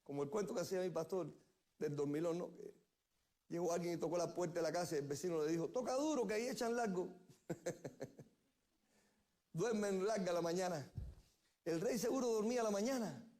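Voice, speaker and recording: A man's voice: high voice, normal speed, long pauses, dark tone. A male pastor preaching a sermon, telling the story with repeated key phrases. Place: church.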